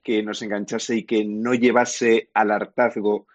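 A man with a Castilian Spanish accent, his voice on the low side, speaks in a flat delivery at a measured pace with no echo. He's a television and film reviewer giving an explanatory, opinionated review in a conversational radio segment.

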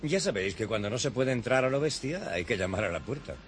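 A man's voice: medium pitch, expressive, fast talker, slight background noise, natural voice. An actor in a dubbed TV series, playing a confident male colonel who leads a team. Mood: assured.

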